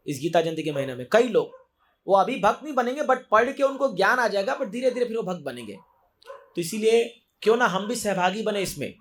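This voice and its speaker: A man giving a sermon to devotees, exhorting them emphatically, repeating key phrases and mixing English words into his Hindi. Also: high voice. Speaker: temple preacher.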